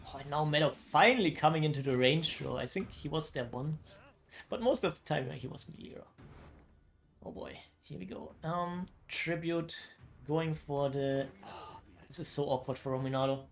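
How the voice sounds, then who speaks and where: A man casting a card game match as esports commentary, casual and exclaiming, often thinking out loud. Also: on the high side, moderate pace, creaky. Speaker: esports caster.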